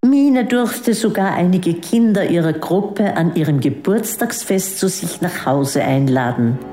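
Slow, lively woman reading a children's story. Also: fairly low pitch, faint music behind. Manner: calm, unhurried narration. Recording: echoey room with long reverb.

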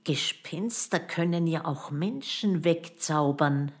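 A woman voicing an excitable, anxious young boy who speaks in eager, jumpy exclamations. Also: deep voice, takes it slowly, husky, exaggerated voice. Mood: excited.

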